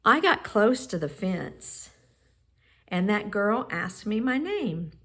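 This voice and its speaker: A woman reading a children's picture book aloud in measured, expressive phrases with pauses. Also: mid-range voice. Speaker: storybook reader.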